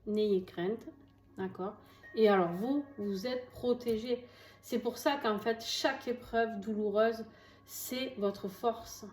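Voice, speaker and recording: On the high side and a little mellow, her voice moves slowly. The woman, a tarot reader with a southern French accent, gives a chatty, reassuring casual reading to camera, heavy on fillers and asides, recorded in an echoey room with faint music.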